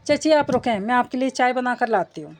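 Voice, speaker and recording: A shy, cheerful young woman engaged to be married, as a woman narrator reads her. She sounds somewhat high and light, mock-indignant, read in audiobook fashion. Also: expressive, fairly quick, background noise. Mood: shy playful.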